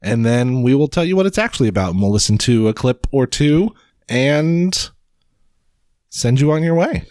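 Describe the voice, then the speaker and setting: A man's voice: medium pitch, lively intonation, normal speed, darkish tone, no room sound. Dry-joking man co-hosting a podcast. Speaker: podcast co-host. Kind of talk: casual podcast chat.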